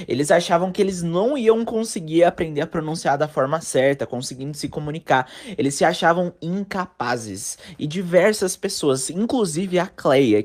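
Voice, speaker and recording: A Brazilian man teaching an online English lesson, his pitch rising and falling all the time. He slows right down whenever he models a phrase in English, spelling out each sound for his students. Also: darkish tone. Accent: Brazilian Portuguese.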